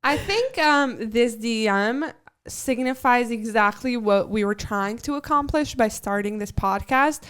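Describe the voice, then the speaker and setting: A young woman co-hosting a podcast in casual chat, speaking in earnest, measured explanations. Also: on the high side, fairly bright tone, clear, resonant tone. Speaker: podcast co-host.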